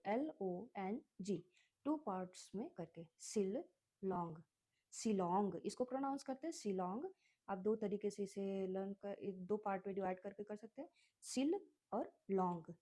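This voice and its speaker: An Indian woman teacher with a mellow, darker voice, speaking very slowly. She spells words out letter by letter with patient repetition, like a lesson for young kids. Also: mid-range voice.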